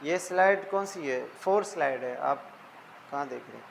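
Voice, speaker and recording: A man's voice: mid-range voice, lively intonation, normal speed, gravelly, slight background noise, low-quality recording. A man teaching a slide-based lesson who explains each term in simple words and keeps checking in with "ठीक है". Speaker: tutor.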